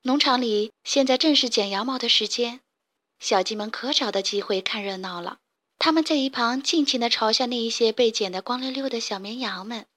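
A woman narrating a children's storybook in a gentle, clear reading voice. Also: fairly high pitch, a little fast.

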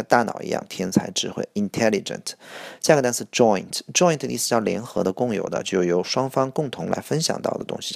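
A man teaching English vocabulary for an exam, repeating each word slowly and explaining it in Chinese. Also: lowish voice, gravelly, dry recording. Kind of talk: IELTS vocabulary lesson.

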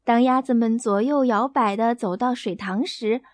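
A woman narrating a bedtime story in a gentle, expressive read-aloud manner. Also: on the high side, moderate pace, no echo.

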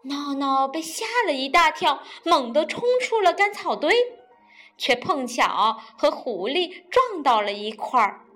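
Slow, playful female storyteller. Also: sits high, faint music behind. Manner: playful and animated. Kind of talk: children's storybook reading.

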